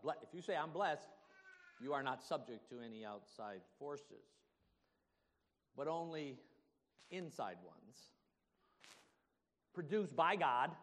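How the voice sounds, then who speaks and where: Animated male pastor preaching slowly. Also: medium pitch, big-room sound. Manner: animated preaching with rhetorical questions to the congregation; slow, emphatic, laughs often. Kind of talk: sermon. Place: church.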